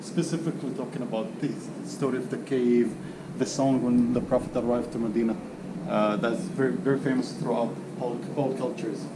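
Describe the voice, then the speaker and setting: A man from Saudi Arabia, a curator, explaining an exhibit on a tour in a halting, earnest way with many fillers. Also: mid-range voice, steady tone. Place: museum exhibition hall, indoors. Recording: echoey hall with loud hum.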